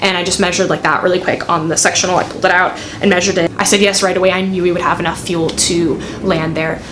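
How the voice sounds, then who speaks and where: A woman's voice: mid-range voice, background noise. A woman in her twenties chatting candidly and self-deprecatingly to camera, telling a story in a casual vlog style. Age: 20s. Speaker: student pilot vlogger. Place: bedroom, indoors.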